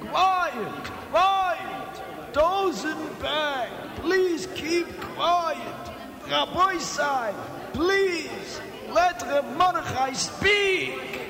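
An actor playing a male elder who slowly calls a noisy gathering to order. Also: very high voice, lively intonation, exaggerated voice. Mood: hushing. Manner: slow, drawn-out, pleading. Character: male meeting elder calling a crowd to order. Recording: echoey hall with crowd noise.

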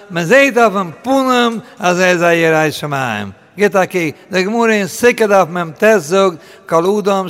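Gravelly older rabbi spinning anecdotes. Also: male voice, sits high. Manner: animated, chuckling, acts out quoted voices. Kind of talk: anecdotal storytelling. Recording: echoey hall reverb.

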